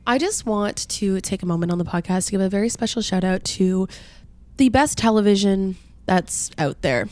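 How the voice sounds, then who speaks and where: A woman's voice: mid-range voice, lively intonation, normal speed, darkish tone. Congested young woman, chatty podcast co-host. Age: 20s. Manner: gushing, chatty with "like" fillers. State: congested, nasal from a cold. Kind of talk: casual chat.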